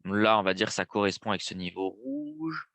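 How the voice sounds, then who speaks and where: Fairly low in pitch but animated and fairly bright, this young man from France speaks at normal speed in a recording without echo. Stuffy from a cold, he hosts a live trading lesson in a relaxed way, filling his thinking-aloud with frequent fillers.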